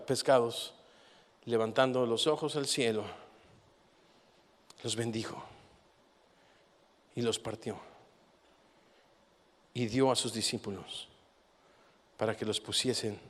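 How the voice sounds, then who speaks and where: A man preaching a sermon with animated delivery, rising to forceful peaks and dropping to quiet, reflective passages. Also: mid-range voice, slow pace, long pauses. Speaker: pastor. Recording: long hall reverb.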